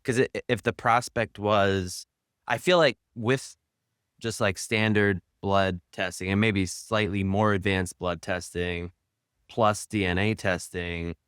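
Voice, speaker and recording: A man's voice: fairly low pitch, steady tone, slow, fairly bright tone, smooth, dry recording, clean studio sound. A man in his thirties hosting an interview, talking casually with a rambling, hesitant manner full of fillers. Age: 30s. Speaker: podcast host.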